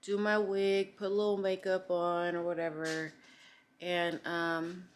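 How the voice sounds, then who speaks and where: A woman's voice: fairly low pitch, little pitch movement, measured pace, a little hiss or hum. A woman chatting casually and upbeat to her viewers in a home vlog, filmed on a phone camera. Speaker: vlogger.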